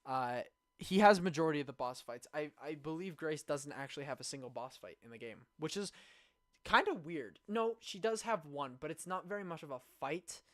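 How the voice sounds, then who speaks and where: A man's voice: a little high, animated, moderate pace. Rambling enthusiastic young man streamer. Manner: rambling, enthusiastic, lots of fillers and restarts. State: hiccuping. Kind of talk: casual game review stream wrap-up.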